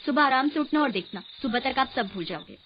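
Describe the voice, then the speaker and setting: A woman voicing a gentle, evasive young newlywed wife in a cartoon horror story. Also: high-pitched, animated, fast. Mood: calm. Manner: gently reassuring. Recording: muffled, with a clear hiss.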